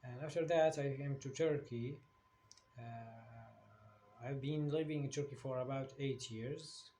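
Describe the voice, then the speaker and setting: A man's voice: medium pitch, takes it slowly, dark tone. A man from Syria, an English teacher, introducing his new channel in English as a second language, with frequent fillers and restarts. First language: Arabic. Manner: hesitant, many fillers and restarts. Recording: faint background noise.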